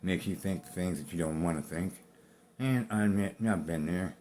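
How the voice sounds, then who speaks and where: Deep-voiced man, blunt and winded. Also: normal speed, darkish tone, a little hiss or hum. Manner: blunt, profane, rambling. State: out of breath. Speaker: vlogger. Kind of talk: personal talk to camera.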